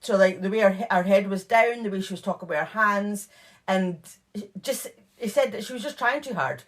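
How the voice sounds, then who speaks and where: A woman's voice: mid-range voice, moderate pace. A woman co-hosting a true crime podcast, casually retelling case details with lots of fillers and asides. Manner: chatty, filler-heavy retelling of case notes. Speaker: podcast co-host.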